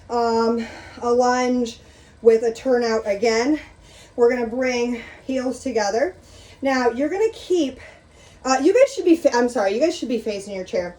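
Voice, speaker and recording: A woman's voice: fairly high pitch, mellow. Middle-aged lady leading a workout, chatty and encouraging, panting a little, mic kinda far off in a roomy space. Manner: chatty, encouraging, talks while doing the moves. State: out of breath. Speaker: exercise instructor. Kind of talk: live exercise class instruction. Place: room with a chair, exercising. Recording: echoey room, mic at a distance.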